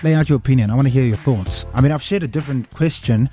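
A man's voice: mid-range voice, quick pace, dark tone. A man with a South African accent presenting a radio talk show conversationally, switching between English and Afrikaans. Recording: music bed behind voice. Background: background music.

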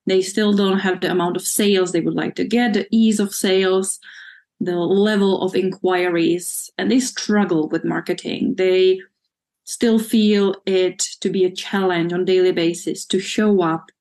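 A woman's voice: lowish voice, steady tone, unhurried, a little mellow. Czech woman explaining in long lists. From Czech Republic. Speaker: marketing consultant guest. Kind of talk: interview answers.

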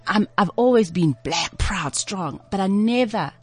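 A woman's voice: mid-range voice, animated, a little slow, darkish tone, husky, faint music behind. A middle-aged South African woman with a buttery, honeyed voice, talking as an interior designer in a radio interview. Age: 40s or older.

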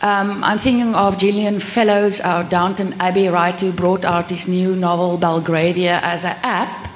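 A woman's voice: lowish voice, level tone, normal speed. A woman with a South African accent, speaking informally as she moderates a panel discussion. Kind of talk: informal panel discussion mixing English and Afrikaans. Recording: echoey hall, faint background noise.

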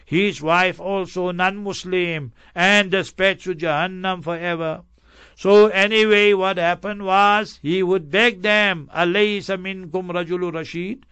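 A man's voice: sits high, steady tone, takes it slowly, bright, forceful tone, clean tone, no room sound, highs cut off. A man teaching a Quran commentary lesson, swiftly chanting each verse before explaining it with emphatic strings of synonyms.

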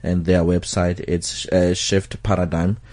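A low-voiced man hosting a talk radio show. He keeps the chat easygoing, dropping in short "oh, okay" and "no, definitely" replies. His speech is casual and unhurried. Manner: relaxed, lots of "oh, okay" and "no, definitely".

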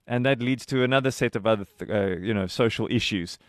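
Animated radio host. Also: male voice, medium pitch, quick pace, no room sound, studio quality. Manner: animated and conversational. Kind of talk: radio interview.

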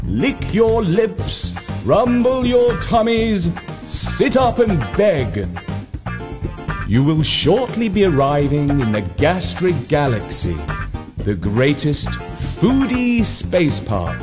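A man voicing a smooth-talking male theme park announcer in a children's story, with a slick, salesy, drawn-out delivery. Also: high-pitched, big pitch swings, over music, full character voice.

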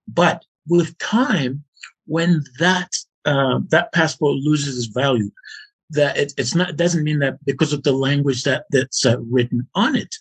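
A man's voice: a little high, measured pace, husky, poor audio. A man explaining his argument as an interview guest, emphatic and repeating his points for stress.

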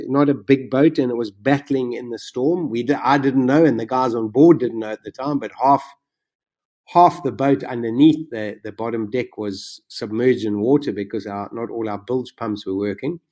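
A man telling his own survival story in conversation, animated and vivid, his voice jumping up when he relives the excitement. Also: mid-range voice, normal speed. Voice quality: self-described macabre sense of humor.

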